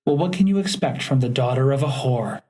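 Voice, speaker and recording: A man's voice: medium pitch, lively intonation, a little fast, warm tone, close to an everyday voice. Spiteful, sneering neighbor lady in an audiobook, read by a male narrator in his everyday voice. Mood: snippy. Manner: snappish, sneering. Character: spiteful, boastful middle-aged woman neighbor.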